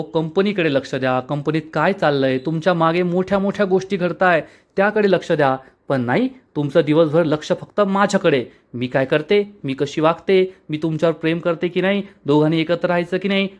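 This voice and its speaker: A man's voice: fairly high pitch, fairly quick, few pauses, lightly acted. A man voicing an exasperated young wife who scolds her husband, in a serial episode recap. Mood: angry. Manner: scolding, indignant.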